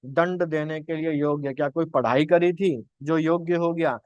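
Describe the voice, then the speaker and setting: A man's voice: on the high side, steady tone, normal speed, a little mellow, smooth, no room sound, dull audio. A young man teaching grammar for an exam. He poses questions, answers them himself, and keeps repeating his points. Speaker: exam-prep Hindi teacher.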